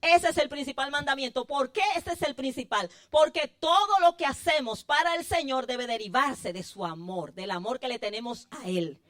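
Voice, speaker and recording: A woman's voice: sits high, moderate pace, few pauses, a bit bright. A woman preaching a sermon with fervent, rising and falling emphasis, calling her listeners brothers.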